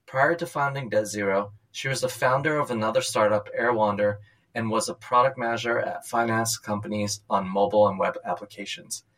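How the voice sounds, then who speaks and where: A man's voice: lowish voice, fairly quick, a bit bright, poor audio. A man hosting a podcast, reading a prepared introduction and then asking questions in a casual, upbeat way. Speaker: podcast host. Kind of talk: scripted intro and casual interview.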